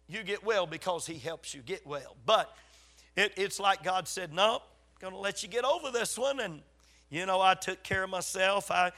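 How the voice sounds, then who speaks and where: A male preacher from South Carolina in the US delivers a sermon to his congregation in a high, sharp, slightly raspy voice, as he is getting over a cold. His style is folksy and emphatic, telling stories with dramatic pauses.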